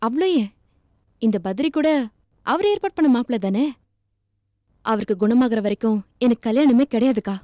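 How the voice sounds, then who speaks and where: A woman's voice: fairly high pitch, animated, moderate pace, long pauses, warm tone, no room sound, clean studio sound, lightly acted. An actress playing a devoted young woman firmly standing by her decision, in a TV serial. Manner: earnest and determined. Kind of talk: TV serial acting.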